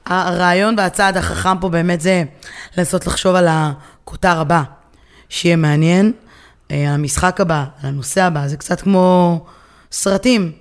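A woman with an Israeli accent co-hosting a casual discussion, often pausing to search for her words. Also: lowish voice, fairly even intonation. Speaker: podcast co-host.

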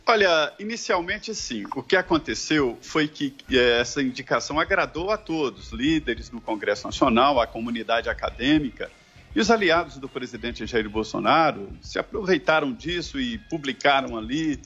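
A male correspondent reporting remotely in a measured, explanatory way, with the occasional hesitation. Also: medium pitch, expressive, a bit bright, breathy edge, muffled recording.

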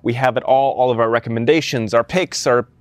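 Relaxed man podcast co-host, dry sound. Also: mid-range voice, fairly quick, no echo. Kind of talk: casual podcast chat.

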